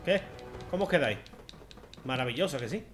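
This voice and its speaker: A man with a Spanish accent from Spain, giving chatty, sarcastic let's-play commentary with sudden loud outbursts. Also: medium pitch, normal speed. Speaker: gaming video host. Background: game music.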